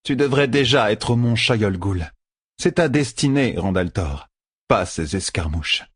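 A man voicing a stern, sharp-tongued female sorceress who speaks in a cold, lecturing way. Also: on the low side, expressive, unhurried, slightly rough, no room sound, clean studio sound.

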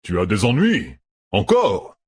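A man's voice: fairly low pitch, huge pitch swings, slow, breathy edge, exaggerated voice. A man voicing a burly, shrewd innkeeper with a falsely friendly, chummy manner. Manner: chummy, then scheming.

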